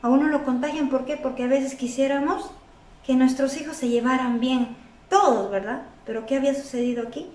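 A woman's voice: high-pitched, fairly even intonation, fairly quick, a little mellow. A woman teaching at a children's club, telling a Bible story and often asking the children questions. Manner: asks the children frequent questions. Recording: echoey room, voice from a distance.

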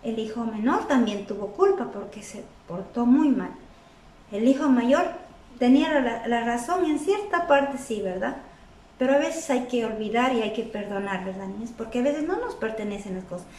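A woman tells a Bible story to children, checking in with them through frequent questions. Her voice is high and sounds distant in a roomy, echoing space. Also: expressive, normal speed, darkish tone, slight background noise. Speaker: children's club Bible teacher. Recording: echoey room, voice from a distance.

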